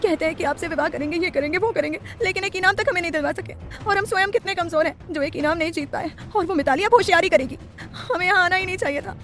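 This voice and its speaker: A woman voicing a shy, tearful teenage schoolgirl in an audiobook, in a soft, pleading, raised voice. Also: very high voice, quick pace, pitched above the performer's own voice. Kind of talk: audiobook character voice.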